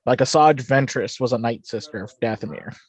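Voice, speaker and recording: A man's voice: mid-range voice, a little fast, breathy edge. A man co-hosting a casual watch-along livestream, explaining lore with plenty of fillers and restarts. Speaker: podcast co-host.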